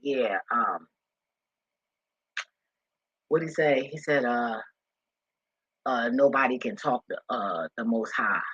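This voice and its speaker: A man with a deep, husky, slightly bright voice rambles casually and unscripted, blunt and profane with streetwise slang, like an online spiritual commentator. He speaks slowly with long pauses on a roomy, dull, lo-fi home recording.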